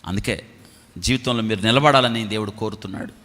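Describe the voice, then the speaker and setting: A man's voice: on the low side, brisk, pushed and bright. A man preaching a sermon, emphatic, asking rhetorical questions and having the congregation repeat lines. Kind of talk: sermon with prayer. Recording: long hall reverb.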